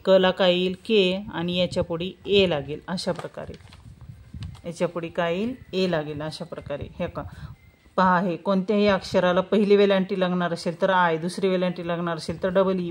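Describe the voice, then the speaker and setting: A woman tutor runs a spelling lesson, patiently repeating each question and answering it herself while sounding out letters syllable by syllable. Her voice is on the low side.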